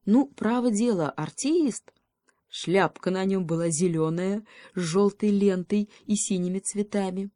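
A woman reading a children's fairy tale aloud in a calm, unhurried storybook manner. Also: medium pitch, no echo, studio quality. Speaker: audiobook reader. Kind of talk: storybook narration.

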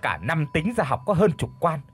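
A man's voice: mid-range voice, big pitch swings, normal speed, husky, soft background music. A man voicing a stingy, grumbling old village landowner who talks bluntly and scornfully in an audio story. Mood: indignant.

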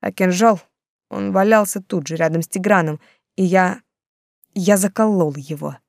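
A woman's voice: lowish voice, moderate pace, darkish tone, no room sound, clean studio sound, lightly acted. A woman voicing an agitated, defiant young man in love, in an audiobook. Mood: shaken. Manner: agitated, outbursts.

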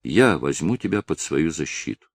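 A man voicing a calm old village elder. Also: rumbling low, gravelly, no room sound, exaggerated voice. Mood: calm, firm. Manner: steady, firm and measured.

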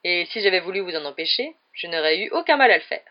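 A reader doing a loud, showy boastful wizard. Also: male voice, high-pitched, lively intonation, quick pace. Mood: blustering. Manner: showy, loud, theatrical announcing. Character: flamboyant boastful male wizard teacher. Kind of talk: audiobook character voice. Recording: dull lo-fi recording.

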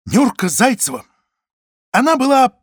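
A man reading an audiobook voices a loud, coarse woman janitor who talks in a crude, folksy, mocking way. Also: sits high, big pitch swings, moderate pace, dry recording, clean studio sound, voice pushed up.

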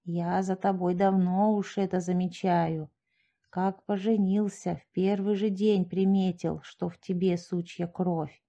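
A woman voicing a gruff, suspicious peasant sexton who mutters his accusations slowly. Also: fairly low pitch, flat delivery, dark tone, dull audio. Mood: accusing. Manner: slow, muttering, grumbling accusations.

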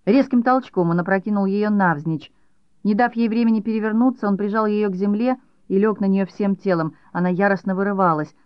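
An audiobook narrator reading a novel in a measured, even storytelling manner. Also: mid-range voice, smooth, no room sound. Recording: dull dry audiobook recording.

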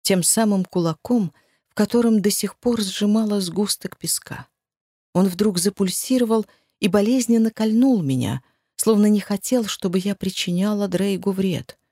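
Expressive woman narrating an audiobook. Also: mid-range voice, moderate pace, dry recording, clean studio sound. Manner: expressive, emotional reading. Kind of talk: first-person audiobook narration.

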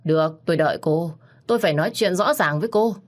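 A woman voicing a drunk, aggressive young man who shouts and taunts. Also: lowish voice, fast talker, lightly acted. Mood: drunken mutter.

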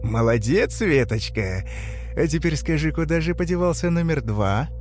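Sadistic gold-toothed gang leader, put on by a male reader, raspy and slow, taunting, pitched up. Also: lively intonation, darkish tone, soft background music, close to an everyday voice. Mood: mock-tender. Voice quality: raspy, coughing laugh. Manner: slow, taunting, mock-tender.

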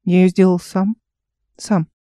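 Woman voicing a young man, sly, soft-spoken, mellow tone, storybook audiobook. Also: on the low side, flat delivery, a little slow, dry recording, clean studio sound, natural voice. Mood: gentle. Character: young man, cheerful, sly, shy inventor.

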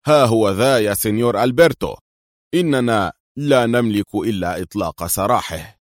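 A man's voice: on the low side, brisk, no room sound, clean studio sound, close to an everyday voice. A man voicing a jovial, corrupt male police chief with a hearty, mock-serious way of talking.

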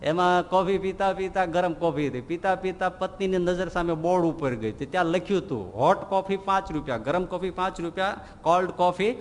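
A swami giving a sermon, telling funny stories and acting out the people in them. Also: male voice, sits high, fairly quick, few pauses. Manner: lively storyteller, acts out characters' lines and chuckles at his own jokes. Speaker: swami giving a scripture discourse. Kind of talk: sermon with humorous anecdotes. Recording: long hall reverb with faint background noise.

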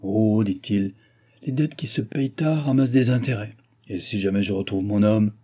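A man's voice: lowish voice, normal speed, dark tone, lightly acted. A man voicing a crafty, sardonic viscount eager to meddle. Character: crafty vengeful viscount brother.

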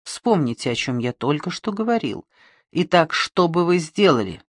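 A reader voicing a calm male police detective who questions softly and persistently in an audiobook. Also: medium pitch, moderate pace, no room sound, clean studio sound. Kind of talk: audiobook reading.

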